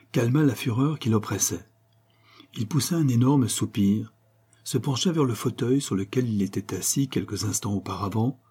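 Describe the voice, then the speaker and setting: A man reading a novel aloud in a steady, measured storytelling manner. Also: medium pitch, husky. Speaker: audiobook narrator.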